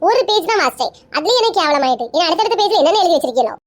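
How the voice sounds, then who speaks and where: A woman's voice: very high-pitched, big pitch swings, racing. A woman playing a nagging grown daughter who lectures her father in a comedy skit. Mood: lecturing.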